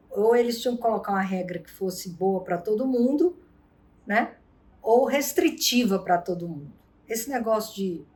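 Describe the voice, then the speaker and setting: A woman hosting a vlog and giving advice on arguments, telling stories with lively acted-out quotes. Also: mid-range voice. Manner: animated storyteller, acts out quotes. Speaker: vlog host and relationship advisor. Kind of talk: casual advice talk.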